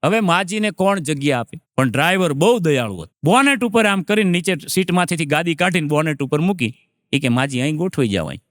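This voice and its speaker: A man's voice: on the high side, expressive, fast, fairly bright tone, no room sound. A man telling a comic story on stage and jumping into character voices for the people in it. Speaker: stand-up comedian.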